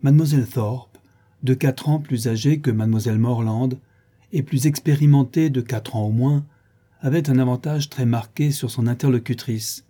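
A man narrating an audiobook of a classic novel with a measured, steady reading. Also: medium pitch, slightly rough.

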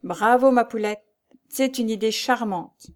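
A woman's voice: on the high side, unhurried, natural voice. A woman reading the lines of a scheming, falsely charming man in an audiobook, with a courteous, coaxing manner. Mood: smooth. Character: scheming middle-aged man, smooth and false.

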